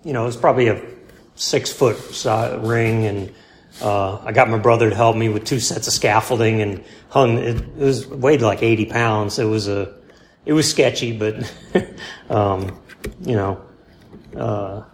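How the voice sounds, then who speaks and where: A man in a casual interview, rambling and halting, with many fillers and restarts, laid-back and self-deprecating. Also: fairly low pitch. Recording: roomy with faint background hum.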